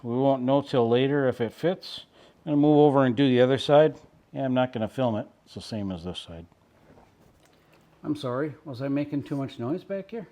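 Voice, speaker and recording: A man's voice: medium pitch, dark tone. Wry man muttering through a DIY job. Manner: wry, self-deprecating, muttering while working. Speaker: DIY car vlogger. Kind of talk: casual how-to narration. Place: inside his own vehicle with the top off.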